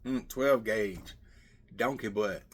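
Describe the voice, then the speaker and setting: Sorting through his things, a middle-aged man hosting a vlog talks casually and mutters rambling asides. He speaks slowly in a fairly low voice, with clear background noise of clicking and clattering.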